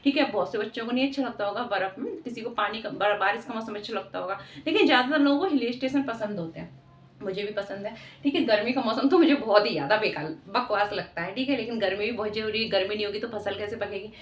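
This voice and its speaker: A woman's voice: medium pitch, fast talker, a little hiss or hum. Echoey woman teacher, voice far off. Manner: repeats questions and answers, frequent "theek hai". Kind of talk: exam-prep lesson.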